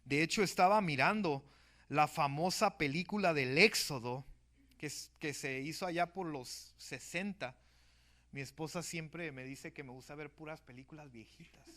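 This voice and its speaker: A man's voice: fairly high pitch, moderate pace, fairly bright tone. A man preaching a sermon at a church service, emphatic and often turning to address the brethren.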